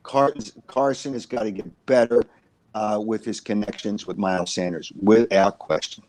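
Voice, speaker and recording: Speaking at normal speed with fairly even intonation, a man with a low, slightly mellow voice co-hosts a casual football analysis chat. He rambles and repeats himself, dropping frequent uhs, on a rough recording.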